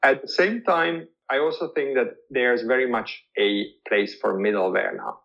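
Heard through dull lo-fi audio, this Hungarian-born male guest speaks at a normal speed in a gravelly, medium-pitched voice. He gives considered answers to interview questions, repeating words as he searches for how to say things.

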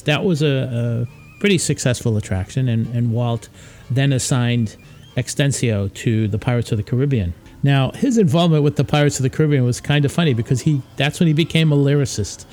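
A man hosting a podcast, telling history in a relaxed, casual way, often pausing with uh and um. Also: medium pitch. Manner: relaxed, hesitant, with frequent uh and um. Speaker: podcast host. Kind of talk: casual informal history talk.

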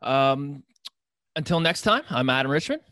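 A man's voice: mid-range voice, expressive, moderate pace, bright, forceful tone, no echo, studio quality. An American man hosting a podcast in a casual, conversational style. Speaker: podcast host.

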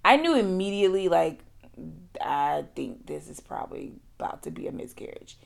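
A woman's voice: fairly low pitch, sing-song, moderate pace, creaky. A woman hosting a podcast, telling a personal story in a conversational way and acting out what others said. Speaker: podcast host.

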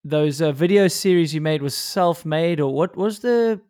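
A man's voice: on the high side, normal speed, darkish tone. A man with a South African accent, chatting casually as he interviews a guest. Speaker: podcast host interviewer.

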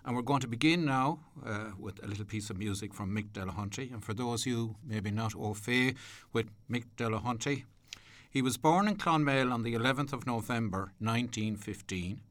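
A man with an Irish accent hosting a radio programme from a studio, presenting in an unhurried, courteous, slightly hesitant way. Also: medium pitch, fairly bright tone, no room sound. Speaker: radio host. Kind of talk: radio presenting, part prepared narration, part chat.

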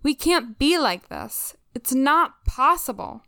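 A woman reading the part of an upset teenage girl, delivering her lines slowly and earnestly. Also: high-pitched, big pitch swings, vocal fry, sharp tone, no echo, clean studio sound, pitched above the performer's own voice, exaggerated voice. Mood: pleading.

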